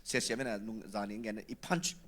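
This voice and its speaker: A man talking through feedback on a singing performance, with coughs and quick laughs along the way. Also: mid-range voice, steady tone, fairly bright tone.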